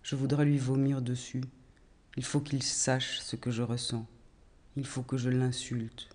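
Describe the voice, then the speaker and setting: An actor playing a man who reads aloud a bitter piece of his own writing in a measured, deliberate way. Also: medium pitch, flat delivery, a little mellow, close to an everyday voice. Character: man reading out a bitter, crude piece he wrote. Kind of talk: reading his own text aloud in a film scene.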